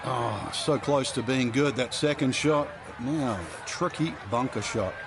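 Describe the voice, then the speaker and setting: A man's voice: mid-range voice, measured pace, close to an everyday voice. A man commentating on golf as an analyst, explaining shots in a conversational way. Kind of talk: golf broadcast commentary in a video game. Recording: music and crowd noise behind. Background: music, crowd.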